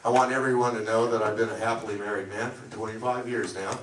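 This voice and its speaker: A middle-aged man doing a stand-up comedy set, delivering deadpan one-liners. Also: lowish voice, quick pace, far from the mic. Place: comedy club lounge. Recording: echoey club, mic heard from afar, loud noise. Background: audience laughter.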